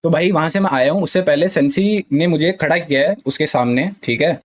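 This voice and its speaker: A young man on a stream explains himself defensively and with agitation, speaking fairly quickly in a voice on the high side. He says "theek hai" often, and his pitch climbs as he gets heated.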